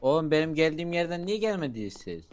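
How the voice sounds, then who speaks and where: Lively young man joking on voice chat. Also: fairly high pitch, fast talker. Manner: joking, laughing, plays with words. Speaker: gamer. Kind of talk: casual multiplayer game chat.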